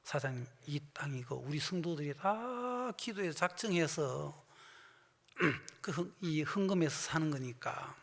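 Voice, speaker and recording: A man preaching as a pastor, telling a story and acting out the voices of the people in it, swinging from loud bursts to hushed asides. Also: on the high side, lively intonation, measured pace, gravelly. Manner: storytelling, acting out both sides of conversations. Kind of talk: sermon with anecdote and quoted dialogue. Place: church sanctuary. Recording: long church hall reverb.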